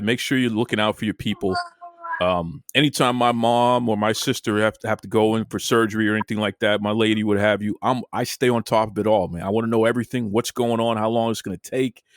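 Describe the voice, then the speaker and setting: Recorded cleanly in a studio with no echo, a man with a lowish voice and fairly even intonation talks a little fast. He hosts a casual, folksy podcast chat, frequently tripping over and repeating words.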